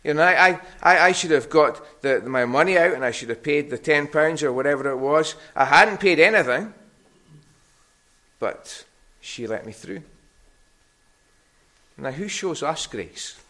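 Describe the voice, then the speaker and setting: Bright-voiced Scottish Hebridean man preaching to children. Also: a little high, a little slow, pauses often. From Harris, Scotland. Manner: conversational, questioning, animated storytelling. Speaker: preacher giving a children's talk. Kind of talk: children's sermon told as a personal anecdote, with questions to the listeners.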